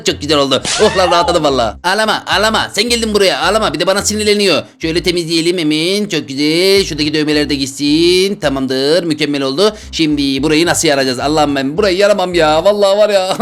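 Man, high voice, rapid gaming commentary, loud and jokey. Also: soft background music. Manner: loud, jokey, exclaims a lot. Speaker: gaming YouTuber. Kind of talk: excited let's-play commentary.

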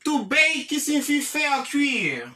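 A woman's voice: high voice, sing-song, bright, forceful tone. A woman with a Haitian accent teaching English vocabulary online, repeating each word and checking with "ok?". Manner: repeats words slowly with frequent "ok?" checks. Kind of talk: online language lesson, mixing English, French and Creole.

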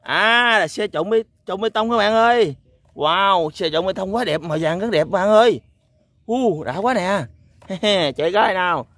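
A man's voice: high-pitched, moderate pace, fairly bright tone, dry recording. A man hosts an outdoor toy-hunting vlog, exclaiming "wow" and chuckling as he talks to viewers. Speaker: toy vlogger. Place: outdoors on a sandy lot.

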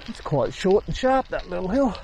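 An older Australian man chatting casually to the camera while cycling outdoors on a coastal gravel road. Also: high-pitched, big pitch swings, normal speed, a little mellow, a little hiss or hum. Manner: chatty, easygoing, talking while riding. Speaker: cycling vlogger. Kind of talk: casual ride commentary. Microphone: helmet or bike camera.

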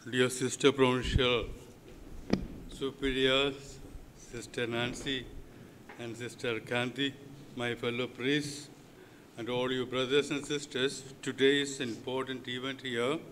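A man speaking as a priest into a pulpit microphone, leading prayers in short, measured phrases with many pauses. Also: medium pitch, level tone, slight background noise. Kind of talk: liturgical address and prayers. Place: large church. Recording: long church hall reverb.

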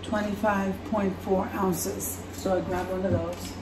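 In an unhurried, mid-range voice, a woman vlogger unpacks her groceries at home and shows them off in easy, relaxed chat, sometimes stopping to correct herself. A distant camera across the counter captures an echoey kitchen with a noisy background.

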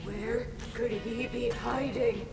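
A woman's voice: fairly high pitch, fairly even intonation, slow pace, music in the background. A woman voicing a vain, bratty female animatronic rock star in a video game, demanding and whiny. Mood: snappy.

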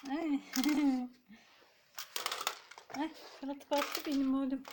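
A young woman filming her baby at home, talking slowly in a doting, cooing tone. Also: high voice, flat delivery, background noise. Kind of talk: casual home video narration.

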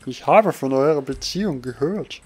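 A man doing a lively, guarded pirate-game informant. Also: mid-range voice, moderate pace, slightly rough.

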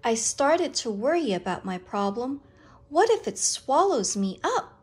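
A woman reading a picture book aloud to children, with expressive, deliberate, dramatic phrasing. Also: on the high side, slightly rough.

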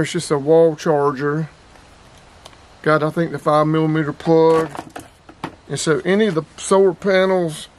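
Filming up close in a small storage room, an outdoors and radio channel host from North Carolina, a man in his fifties, rambles through a product demo for his casual vlog in plain-spoken, repetitive talk. His voice sits on the high side.

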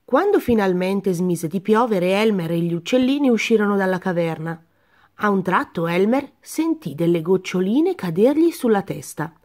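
A woman reading a children's picture book aloud in a calm, gentle narrating voice. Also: medium pitch, moderate pace. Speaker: storyteller. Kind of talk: children's story read-aloud.

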